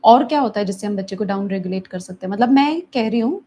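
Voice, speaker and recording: A middle-aged woman therapist speaks to viewers in a live teaching session, at a medium pitch for a woman. She drops English phrases into her Hindi and now and then acts out an anxious parent in a sharper voice. There is a faint hum of background noise. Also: expressive, quick pace, mellow. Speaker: therapist answering viewers' questions.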